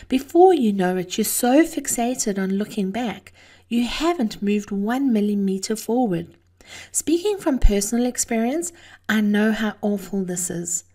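A middle-aged woman with a South African accent delivers a scripted motivational monologue in an earnest, deliberate, personal storytelling manner. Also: mid-range voice, lively intonation, dark tone. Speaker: host of an encouragement podcast.

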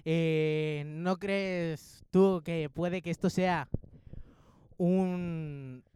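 A young man playing a joking sports commentator among friends, breaking into loud shouts. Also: a little high, fairly even intonation, drawn-out words, a little hiss or hum. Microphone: headphones and mic.

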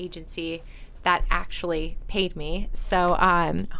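A woman's voice: lowish voice, fairly bright tone, smooth. A woman, a podcast guest, chatting casually and telling her career story with many ums. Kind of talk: casual chat.

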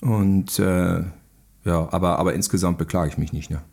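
As a podcast guest in casual conversation, the film director and radio play writer tells meandering, self-mocking stories. His voice is deep, steady, moderately paced, creaky, and a little mellow.

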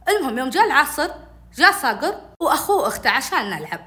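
A woman telling a childhood story in casual storytelling, animated and acting out each voice. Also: high voice, rapid-fire. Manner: animated, acts out every voice.

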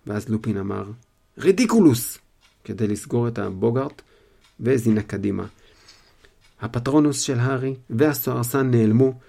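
Man, storyteller, casual retelling, gravelly, mellow. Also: medium pitch, steady tone. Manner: retells in his own words with fillers.

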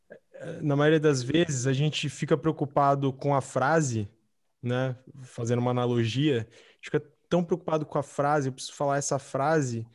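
A man's voice: a little high, a little mellow. A man interviewing a guest, asking questions and adding thoughtful remarks that build on his points.

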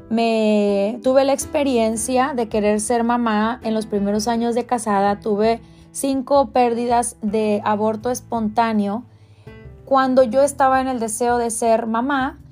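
Mexican woman coach sharing a devotional. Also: fairly high pitch. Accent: Mexican Spanish. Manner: warm conversational, many hesitations and restarts. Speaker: life coach. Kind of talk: devotional reflection.

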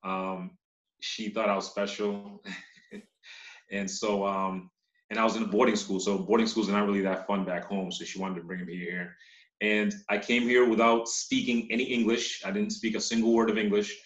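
Originally from Uganda, this CEO moved to Massachusetts as a child and now talks casually as an interview guest, halting and repeating words. His lowish voice is delivered flatly while he tells stories. The sound is muffled and dull, with room echo.

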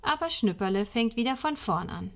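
A woman reading a children's Advent story aloud in slow, clear storytelling. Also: a little high, lively intonation, a bit bright.

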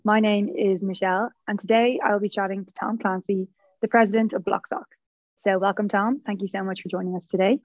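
A woman's voice: mid-range voice, steady tone, brisk, a little mellow, no echo, muffled recording. A young woman, hosting a podcast in a casual, chatty interview style. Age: young adult. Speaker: podcast host, student.

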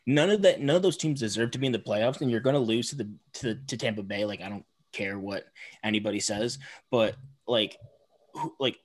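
A man's voice: lowish voice, brisk. A young man co-hosting a sports podcast, ranting heatedly in casual chat and swearing often. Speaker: podcast co-host.

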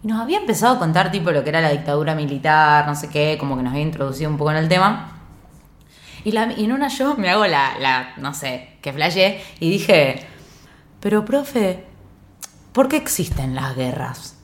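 A woman with an Argentine Rioplatense accent, co-hosting a casual podcast chat in a blunt, expressive way with plenty of swearing. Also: low voice, quick pace. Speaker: podcast co-host. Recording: roomy echo.

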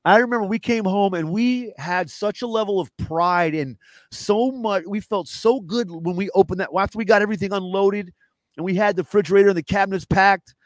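A man who is a comedian and home cook, a guest in a casual interview, rambling fast with lots of fillers. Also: high-pitched, no room sound.

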